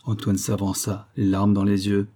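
Husky, dark-voiced male narrator. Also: on the low side, completely flat delivery, moderate pace. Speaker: audiobook narrator. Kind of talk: scripted narration.

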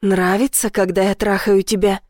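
Woman voicing a hoarse, furious man. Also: mid-range voice, level tone, normal speed, darkish tone, dry recording, clean studio sound, lightly acted. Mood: commanding. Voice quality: hoarse, growling. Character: rough, possessive, furious man. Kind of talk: audiobook character voice.

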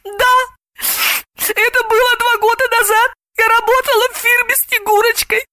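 A shrill, tearful young woman wails in a much higher, louder voice, as a woman narrator puts her on. She sounds frightened and distraught, with a bright, piercing tone. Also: little pitch movement, normal speed, no echo.

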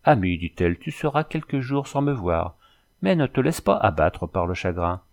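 A man reading aloud, voicing a proud young native woman in a storybook who speaks calmly and solemnly, often calling herself by name. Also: lowish voice, moderate pace, gravelly.

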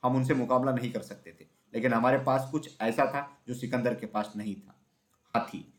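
A man narrating a children's storybook in a steady, even reading voice. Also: medium pitch, moderate pace.

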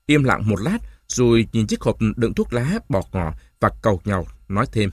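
A man narrating a novel as an audiobook, telling the story in a lively way and lightly voicing the characters. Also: lowish voice, normal speed, slightly rough, dry recording, clean studio sound.

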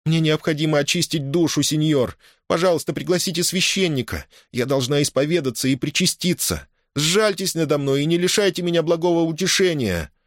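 A man's voice: on the high side, fairly quick, few pauses, dry recording, studio quality, voice pushed up, close to an everyday voice. A man voicing a desperate imprisoned woman who pleads and implores in an audiobook. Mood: pleading. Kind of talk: audiobook character voice.

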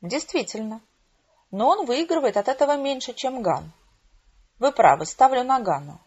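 A woman voicing a calm, knowing male agent in an audiobook, dry and matter-of-fact, in a dull lo-fi recording. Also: high-pitched, moderate pace, breathy edge, voice pushed up.

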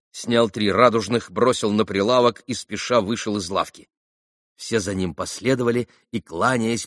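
A man narrating a classic novel as an audiobook, with a steady, even reading on a close studio mic. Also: on the low side, no room sound. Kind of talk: scripted narration.

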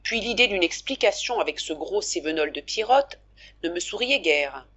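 A woman narrating an audiobook of a classic novel in a measured, expressive storytelling manner. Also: fairly low pitch, highs cut off.

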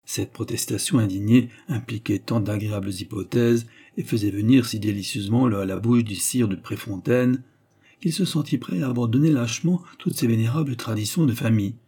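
A man narrating a classic novel as an audiobook in a measured, even manner. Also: mid-range voice, breathy edge. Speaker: audiobook reader.

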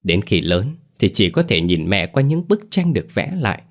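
A man reads an old grandmother in a told ghost story, furious and harsh as she scolds her son, on a deep, low voice with little change from the teller's own. The scolding lines come quick and cutting. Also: expressive. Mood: angry scolding.

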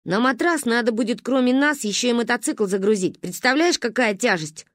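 A know-it-all little girl, as a woman storyteller puts her on talks in a dismissive, matter-of-fact way. The voice stays near the reader's own bright, lively tone. It sounds dry and close to the mic. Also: fairly high pitch, a little fast, no echo, natural voice.

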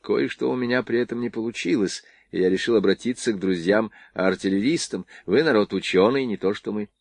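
A man reading the lines of a polite army captain with a soft Polish accent. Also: on the low side, a little fast, no room sound. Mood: grateful. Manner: polite, eager.

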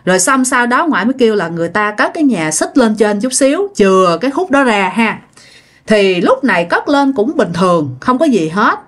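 A woman's voice: fairly high pitch, sing-song, fairly quick. A woman with a Southern Vietnamese accent telling a ghost story in a chatty, casual way, addressing her listeners directly.

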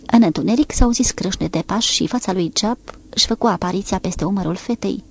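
Brief: female audiobook narrator, gravelly, steady even delivery, mid-pitched. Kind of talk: scripted narration.

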